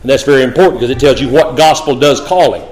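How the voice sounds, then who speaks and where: A man preaching a sermon, quoting scripture in old-fashioned wording and rising to a raised, forceful voice on his key points. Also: medium pitch, quick pace, low-quality recording.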